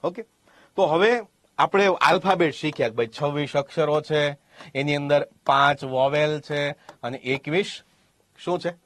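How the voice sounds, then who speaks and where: A man's voice: a little high, unhurried, fairly bright tone, no echo. A man with a Gujarati accent, a native Gujarati speaker, teaching a spoken English class step by step, asking questions and repeating examples. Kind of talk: classroom lesson.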